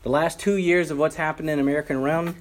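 Talking fast in a slightly high, steady voice, a man preaches a sermon as a pastor. He stays earnest and conversational, drops in asides to the congregation, and rises emphatically whenever he quotes scripture.

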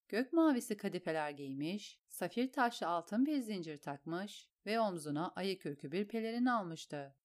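Woman reading a story aloud, steady and low-pitched. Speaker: narrator. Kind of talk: audiobook narration.

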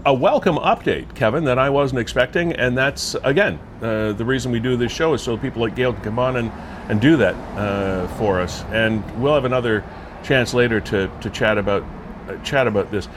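A man hosting an interview show, talking in a loose, chatty way with frequent pauses. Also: mid-range voice, background noise. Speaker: show host. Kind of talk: casual interview chat.

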